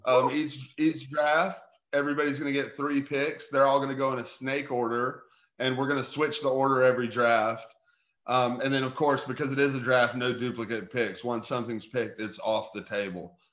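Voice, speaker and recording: A man's voice: medium pitch, little pitch movement, normal speed, fairly bright tone. A man co-hosting a casual sports podcast from a remote call, upbeat as he lays out the rules, his voice cutting out on a bad connection. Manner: upbeat, laying out the game rules. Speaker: podcast co-host. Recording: dull, echoey remote call audio.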